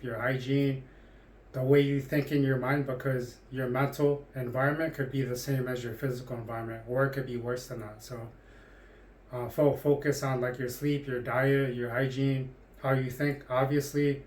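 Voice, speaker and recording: A man's voice: mid-range voice, echoey room. A man of forty talking casually to the camera, rambling with frequent restarts and hesitations. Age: 40s. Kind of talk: casual monologue.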